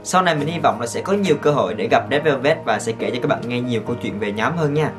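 Male vlogger, mid-pitched, exclamatory and gushing, casual storytelling. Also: lively intonation, fast, music in the background.

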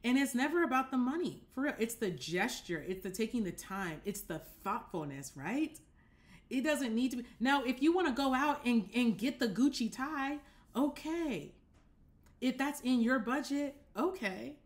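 A young woman hosting a casual dating-advice talk from her apartment, speaking straight to the camera, animated and direct, often checking that listeners follow. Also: fairly high pitch, moderate pace. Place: apartment living room, indoors.

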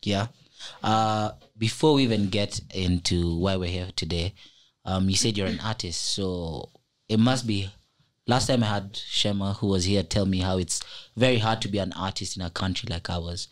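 A man's voice: low voice, normal speed. A young man hosting a studio podcast, joking around and telling playful stories. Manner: playful, joking, animated storytelling. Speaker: podcast host. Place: small indoor podcast studio. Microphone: studio microphone on a boom arm.

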